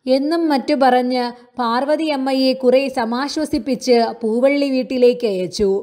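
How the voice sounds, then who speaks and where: Brief: woman audiobook reader, high mellow voice, measured narration. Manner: measured storytelling. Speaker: book reader. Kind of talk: reading a classic novel aloud.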